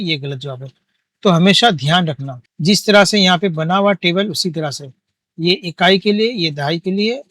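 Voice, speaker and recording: Male teacher, high voice, patient counting-aloud lesson delivery. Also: fairly bright tone. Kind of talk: classroom maths lesson.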